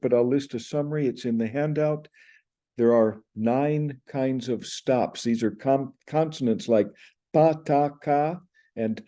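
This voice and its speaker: Speaking indoors to a webcam, an older man explains Greek pronunciation in lecture form. His voice is mellow and medium-pitched, and he uses hand gestures while reciting Greek sounds.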